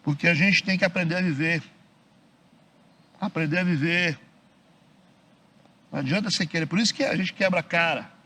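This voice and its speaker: A middle-aged Brazilian pastor preaches in a loose, conversational way, mimicking the people he quotes and checking in with the congregation over and over. His voice is high and bright with a husky edge. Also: moderate pace, pauses often. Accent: Brazilian Portuguese. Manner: acts out quoted churchgoers in mocking voices; frequent tag questions to the congregation. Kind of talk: conversational sermon. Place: church hall.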